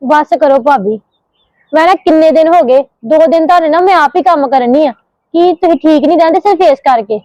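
A young woman playing a sharp-tongued, scheming sister-in-law in a short home drama, talking back indignantly. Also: sits high, no room sound, dull audio, close to an everyday voice. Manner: rapid, retorting, indignant. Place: home, indoors.

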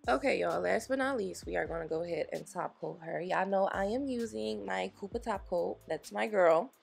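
A woman with a rough, husky voice and a gravelly edge gives a relaxed nail tutorial voice-over. She sounds freshly woken and raspy, talking straight to her viewers in a chatty, encouraging way. Soft music plays faintly behind her. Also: medium pitch, normal speed. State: raspy from just waking up. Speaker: nail technician.

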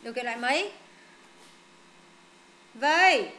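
A woman tutor with a high, bright voice runs students through exam questions. She is brisk and directive. She corrects wrong answers firmly and keeps the drill moving. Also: lively intonation, slight background noise. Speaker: English tutor.

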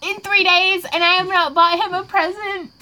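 This craft vlogger in her 20s talks casually on a livestream Q&A as she crafts, slightly tipsy and giggly, rambling with frequent laughter. She speaks at normal speed in an extremely high, sharp voice with fairly even intonation.

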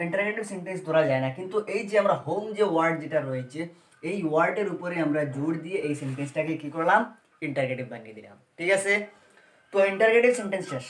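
Slow-explaining teacher man in echoey room. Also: a little high. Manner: explains step by step, asks rhetorical questions and answers them; reads example sentences slowly word by word. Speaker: English grammar teacher. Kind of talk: Bengali-language grammar lesson.

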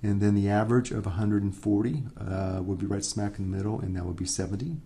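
A man's voice: lowish voice, fairly even intonation, fast talker, mellow. A man giving a recorded economics lecture, working through problems step by step and often checking in with "right?". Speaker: economics instructor.

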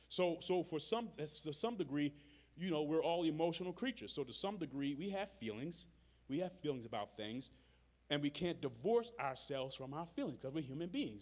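A man preaches to his congregation at a live church service, his voice pitched high for a male and rising and falling broadly. Addressing the room directly, the pastor calls out to those in front of him and drives each point home through rhythmic repetition of phrases.

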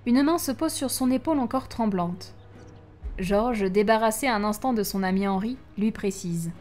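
A woman reading a story aloud, narrating in an expressive way and acting out the lines. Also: mid-range voice, moderate pace, soft background music. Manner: expressive, acting out each line.

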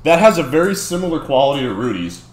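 A man in his thirties hosts a casual unboxing video, chatting and laughing often as he opens mail in a dim home room with gaming chairs. His voice is fairly high, sing-song and fast, and the room sounds echoey with faint noise.

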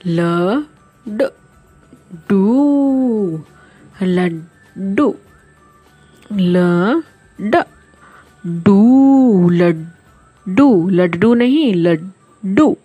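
A woman teacher giving a slow spelling dictation to young children, repeating each word and breaking it into sounds with patient care. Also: medium pitch, expressive, warm tone, husky, dry recording, soft background music.

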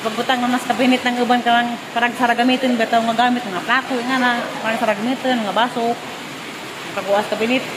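A woman's voice: a little high, little pitch movement, fast, very noisy. Chatty woman vlogging at home. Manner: chatty, laughs often. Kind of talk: casual home vlog chat.

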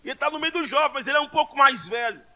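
A man with a Brazilian Portuguese accent preaching a sermon in a church, telling a story that builds into shouting. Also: very high-pitched, animated, very fast. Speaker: pastor.

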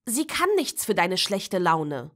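A woman's voice: fairly low pitch, very animated, slow, a bit bright, full character voice. A woman voices a mature teenage girl in a spoken horror story. She speaks firmly and reproachfully. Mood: stern. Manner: firm and reproachful.

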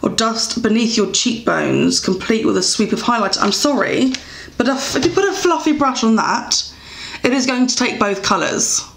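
Animated and speaking at normal speed, a young English beauty vlogger with a creaky voice on the high side chats casually as she reviews beauty products. Fillers and self-corrections run throughout, and the recording has an echoey room sound.

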